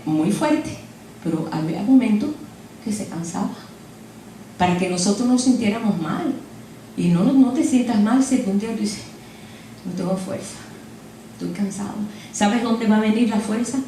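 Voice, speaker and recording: An older woman preaching a sermon in a lively, animated way, acting out quotes and laughing at her own jokes. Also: medium pitch. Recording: echoey church hall, distant mic, faint noise.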